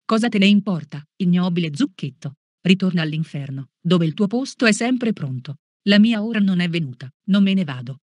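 A catechist reading out the lines of an insolent male demon who is possessing a boy, in a mid-pitched, dry-sounding voice. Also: expressive, brisk, hardly any pauses, dry recording, close to an everyday voice. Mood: defiant. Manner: insolent and mocking.

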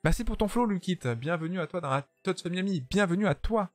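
A man's voice: high-pitched, fast, no echo, faint music behind. A tired man chatting casually with his viewers while streaming a game, joking and swearing freely. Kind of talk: casual live-stream commentary while playing.

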